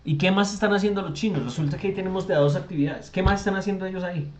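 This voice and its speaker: A man's voice: sits high, rapid-fire, muffled recording, crowd noise. Patient man tutoring over an echoey video call. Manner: patient, explains step by step with check questions. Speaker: English tutor. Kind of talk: online class explanation. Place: virtual classroom session.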